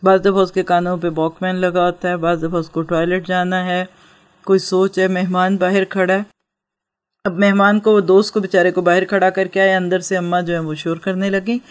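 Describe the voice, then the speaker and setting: A woman teacher giving an instructional talk on parenting and religious outreach, explaining gently and asking her listeners rhetorical questions. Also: lowish voice, flat delivery.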